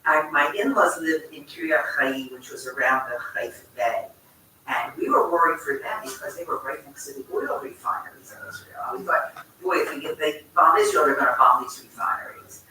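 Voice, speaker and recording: An older woman recounts a memory to a group in a chatty, animated way, restarting her sentences and laughing as she goes. Her voice is bright and lively, and it rises and falls widely. It is caught by a distant mic in a large, echoey room with faint background noise. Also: low voice, brisk, whispered. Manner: animated, chatty, self-interrupting, laughs often. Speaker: congregant sharing a memory. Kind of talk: personal storytelling in a group discussion. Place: large community room at a congregation. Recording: echoey room recorded from afar.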